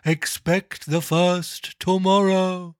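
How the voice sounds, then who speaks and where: A man voicing an anguished male ghost in chains, reading in a drawn-out wailing manner that rises high. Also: flat delivery, clear, resonant tone, dry recording, studio quality. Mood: mournful. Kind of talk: dramatic reading of a classic novel.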